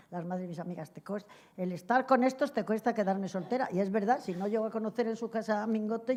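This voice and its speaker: A woman's voice: mid-range voice, warm tone. An older woman recalls old times for an interviewer in a meandering, chatty way. She digresses often and drifts off topic. She acts out snatches of other people's dialogue and laughs easily as she talks. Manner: rambling, digressive storytelling with frequent laughs. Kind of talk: reminiscing anecdotes in an interview.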